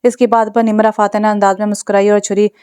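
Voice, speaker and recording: A woman reading a romance novel aloud in a steady, unhurried way. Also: mid-range voice, clean tone, dry recording, studio quality. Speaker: narrator.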